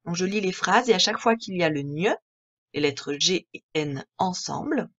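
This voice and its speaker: A woman with a French accent, teaching a reading lesson to young children in a slow, clear, patient way that spells out each word. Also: lowish voice, animated, a bit bright, dull audio. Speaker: primary school teacher.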